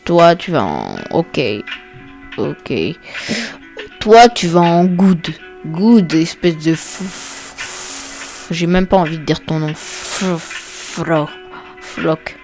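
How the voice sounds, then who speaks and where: Low-voiced woman rambling slowly thru a ranking, jokey mumbly asides, quiet music behind. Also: very animated. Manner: offhand, joking, muttering asides. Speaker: video creator ranking characters. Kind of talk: casual off-the-cuff commentary.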